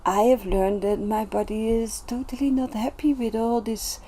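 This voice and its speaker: A woman vlogger talking in a casual, reflective monologue, gentle and earnest, with many pauses and restarts. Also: on the high side, steady tone. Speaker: self-development vlogger.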